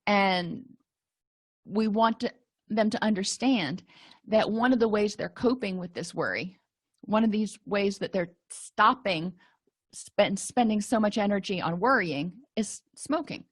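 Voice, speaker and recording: A woman's voice: medium pitch, animated, a little slow, no room sound, clean studio sound. A middle-aged woman clinician giving a conversational slide lecture while losing her voice. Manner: conversational, repeats and restarts words.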